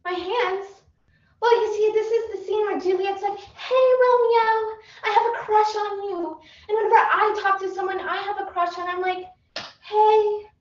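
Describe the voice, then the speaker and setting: A woman's voice: very high voice, steady tone, moderate pace, highs cut off, voice pushed up. A young woman performing a bubbly, ditzy teenage girl actress with an overdramatic, squealing delivery, heard in an echoey room from a distant mic. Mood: squealy eager. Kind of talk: competitive humorous interpretation.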